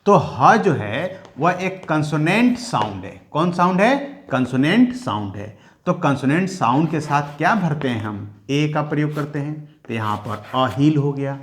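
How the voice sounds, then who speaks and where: A man teaching a grammar lesson, who explains slowly and repeats each point as a question to his students. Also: a little high, big pitch swings. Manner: slow, repeats key words as questions to the class. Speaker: English teacher.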